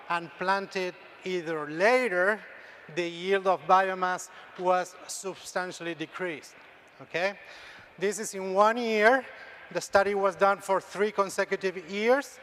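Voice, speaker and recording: A man's voice: high voice, steady tone, measured pace, fairly bright tone, slight background noise. A middle-aged man from Argentina with an Argentine Spanish accent, presenting research slides at a conference, often restarting words and checking in with "okay?". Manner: frequent restarts and tag "okay?". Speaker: extension dairy scientist, presenter.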